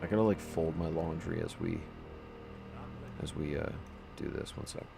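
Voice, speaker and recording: A man with a bass voice and vocal fry streams a game at a normal speed, with background music playing. He rambles casually to his chat, full of restarts and fillers.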